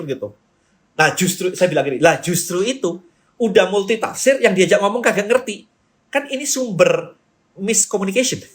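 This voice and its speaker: Seorang pria yang membawakan ceramah pengajaran dengan hidup, memerankan kutipan orang lain dan menyelipkan frasa bahasa Inggris. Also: male voice, high-pitched. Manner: lively, acts out quoted people, mixes in English phrases. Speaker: business speaker. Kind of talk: seminar-style teaching talk.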